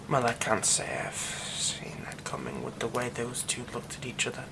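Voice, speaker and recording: In an ASMR audio roleplay, a man with a medium-pitched voice plays a grieving, reclusive young man. He talks in soft, hushed half-whispers with a wistful air that break into bitter, scornful outbursts. The background is noisy.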